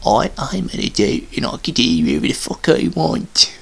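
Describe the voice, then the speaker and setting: A man doing a mocking impression of a creepy adult man in a high, sing-song, leering voice. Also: wildly swooping pitch, normal speed, gravelly, fairly bright tone, husky, exaggerated voice.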